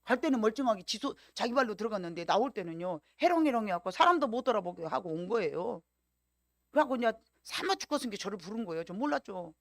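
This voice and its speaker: A woman pastor with a Jeolla accent, preaching a sermon as a lively storyteller who acts out what people said. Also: mid-range voice, quick pace, no room sound, clean studio sound. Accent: Jeolla Korean. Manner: lively storytelling with acted-out quotes. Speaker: senior pastor.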